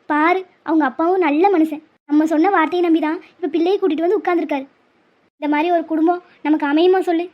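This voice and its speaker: A woman voicing a stubborn, emotional middle-aged cartoon mother who pleads and guilt-trips. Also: extremely high pitch. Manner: pleading, melodramatic, guilt-tripping. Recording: muffled lo-fi audio.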